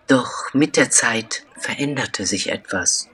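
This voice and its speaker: A man telling a children's story as scripted narration, slow and deliberate with dramatic pauses. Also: medium pitch, lively intonation, sharp tone, a little hiss or hum.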